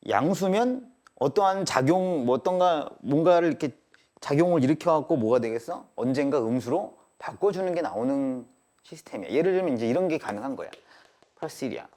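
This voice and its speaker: A man's voice: on the high side, a little mellow. A male math teacher giving a live classroom lecture, constantly checking in with his students.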